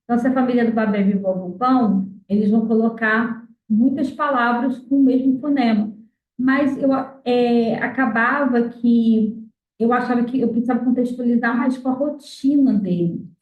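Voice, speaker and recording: A Brazilian woman with a slightly high voice walks through her reading method patiently, pausing on fillers as she explains. She sounds far from the mic, in an echoey room, through thin phone-like audio. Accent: Brazilian Portuguese. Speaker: mother teaching her child to read. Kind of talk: explanatory talk on literacy.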